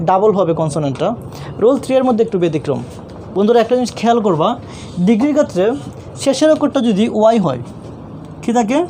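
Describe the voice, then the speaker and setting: A male teacher with a Bangladeshi Bengali accent explains grammar rules in a mellow, warm voice. He keeps asking questions and answering them himself, patient and repetitive. Faint traffic noise hums in the background. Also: very high voice. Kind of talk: online classroom lesson.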